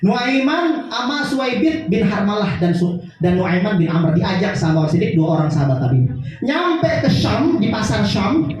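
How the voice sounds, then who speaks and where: A man tells a lively, jokey story in a sermon and switches voices for the people in it. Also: high-pitched, normal speed. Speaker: preacher. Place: large hall at a religious gathering. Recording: echoey hall, distant mic, dull sound, faint music.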